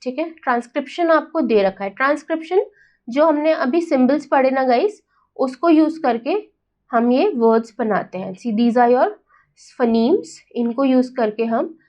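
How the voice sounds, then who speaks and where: A woman from India teaching an exam-prep lesson, mixing Hindi and English with an Indian accent, talking slowly and deliberately and often checking whether students have understood. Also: sits high, lively intonation, darkish tone. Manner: slow, deliberate, checks understanding with "right?" and "got it?".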